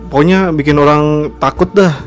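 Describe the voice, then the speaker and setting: A man's voice: fairly high pitch, normal speed, soft background music. A young man co-hosting a casual chat podcast, talking animatedly and acting out quoted outbursts in a raised voice. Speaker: podcast co-host.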